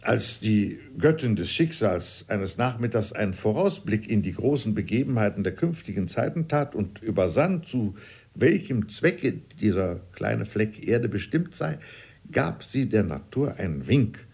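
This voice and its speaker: Male audiobook narrator, wry storyteller, low and husky. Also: sing-song, measured pace, a little mellow. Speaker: audiobook reader. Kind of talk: scripted narration of a novel.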